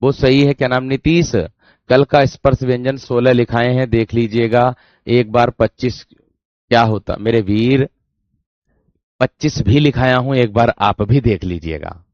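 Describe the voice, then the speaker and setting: In a measured, fairly even way, a man with a darkish mid-range voice runs an online Hindi grammar lesson. He addresses students as dear friends, repeats his phrases, and voices syllables again and again to show the sounds. The lo-fi recording is dull and dry.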